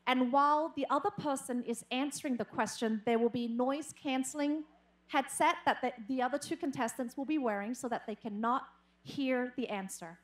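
A woman hosting a pageant on stage, switching between Vietnamese and English and building excitement as she announces. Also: sits high, normal speed. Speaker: pageant emcee. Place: live event stage.

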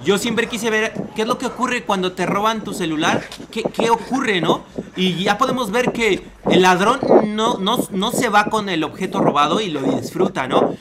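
A man's voice: high-pitched, moderate pace, very noisy. A young man with a Mexican accent giving crude, slangy, mocking commentary on a video. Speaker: online commentator.

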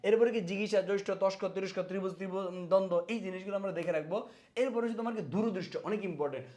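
A man with a Bangladeshi Bengali accent teaching a spelling lesson to exam students, energetic, asking questions and answering them himself, repeating words to drill them. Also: sits high, rapid-fire.

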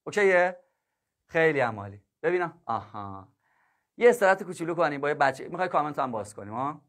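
A man with a slightly higher-than-usual voice, talking as a math teacher on a casual livestream. He chats loosely with his students, cracks jokes and laughs easily, and keeps calling them kids and dear ones. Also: sing-song, a bit bright. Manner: chatty, jokes and laughs with viewers.

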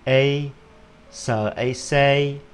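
A man teaches English pronunciation at an unhurried pace. His voice sits in a middle register, and he drills each word over and over. He keeps checking in with short questions as he goes, with soft music faintly underneath. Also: mid-range voice, steady tone, clean tone. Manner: drills words by repetition, with frequent rhetorical "hả?" checks. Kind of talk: video pronunciation lesson.

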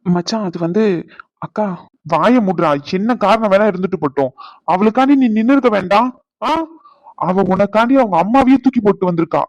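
Cartoon role: man voicing angry young friend, quick-talking, dry close sound. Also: sits high, no echo, dull audio. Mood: indignant. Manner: indignant, lecturing. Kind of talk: cartoon voice acting.

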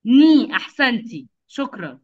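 A woman with a high, very lively voice leads a lesson for young children. She sounds out each syllable patiently and slowly and praises often. The sound is dull and lo-fi, like a video call. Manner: patient, drawn-out enunciation with frequent praise. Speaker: kindergarten teacher.

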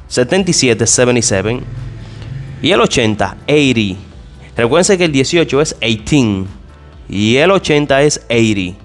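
A man teaching an English lesson in Spanish, explaining step by step and asking and answering his own questions. He talks directly to his listeners and drops to a lower, softer voice for each English example. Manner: addresses listeners directly and informally. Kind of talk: spoken language lesson.

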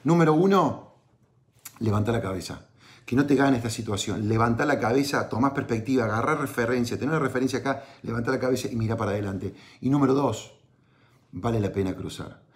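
A man with an Argentine accent speaks at a middling pitch, telling a story to give his listeners heart. He talks loosely, with restarts and little tag questions that ask if they are following. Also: a little fast. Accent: Argentine Spanish. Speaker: entrepreneurship podcaster. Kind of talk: motivational storytelling to camera.

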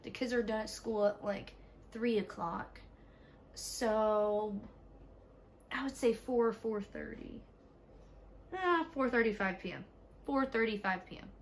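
A young woman with a raspy, stuffy voice from allergies, chatting casually to viewers in a home vlog, tired. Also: on the high side, slow pace, pauses often, slight background noise. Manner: chatty, talks to viewers while ordering online. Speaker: vlogger, mother. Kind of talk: casual day-in-the-life vlog. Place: home, indoors.

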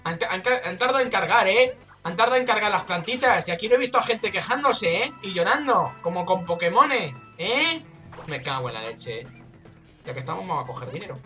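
A man's voice: sits high, lively intonation, a little fast, bright, forceful tone, faint music behind. A man with a Spain Spanish accent giving casual, jokey, exclamatory commentary while playing a video game. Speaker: let's play gamer.

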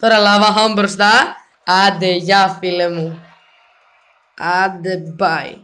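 A young man commenting on his own mobile game match, excitable and self-mocking, often throwing in English exclamations. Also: high-pitched. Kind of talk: gameplay commentary.

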